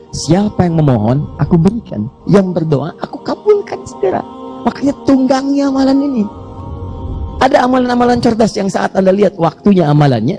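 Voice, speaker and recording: A male preacher delivering a fervent sermon with a gravelly, dark voice. His delivery rises into impassioned pleading in prayer. Faint music sits underneath. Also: sits high. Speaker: Islamic preacher.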